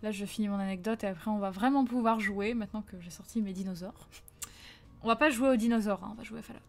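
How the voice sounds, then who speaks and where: Une jeune femme, streameuse, raconte une anecdote d'enfance en direct sur un ton familier et vivant, en jouant les répliques. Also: female voice, medium pitch, fast, gravelly. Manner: lively anecdote-telling, acts out quotes, reads chat. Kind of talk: casual live-stream chat and storytelling.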